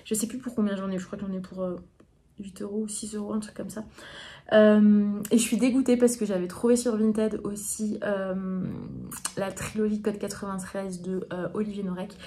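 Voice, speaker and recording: A young woman from France talks casually to camera about her books. Her voice is mellow and low in brightness, and she sounds tired and yawning. Her speech meanders, full of hesitations and restarts. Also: flat delivery, moderate pace. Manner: chatty, with frequent hesitations and restarts. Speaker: book vlogger. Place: home, indoors in the evening.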